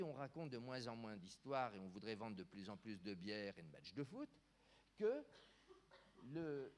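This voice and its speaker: A man of medium pitch argues his view to an audience with very lively intonation. His delivery is emphatic and rhetorical, like a conference speaker pressing a point. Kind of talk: opinionated conference talk.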